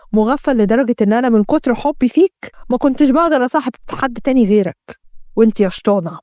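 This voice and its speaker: A woman plays an earnest, proud young husband with an Egyptian accent, talking quickly and intensely. The sound is close and dry, like an audio story. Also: fairly high pitch, darkish tone, no room sound, natural voice. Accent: Egyptian Arabic. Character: young husband, once blind, proud and hurt.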